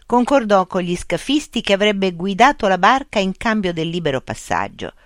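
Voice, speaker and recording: A narrator reading a story aloud in an expressive, carefully paced way. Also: medium pitch, no echo, studio quality.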